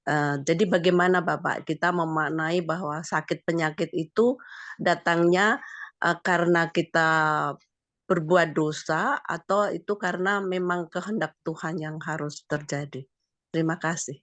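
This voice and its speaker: A woman with a voice hoarse from coughing, politely asking a careful question in a Bible study group. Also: lowish voice, moderate pace, a bit bright, dry recording. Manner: polite, careful, reasoning aloud.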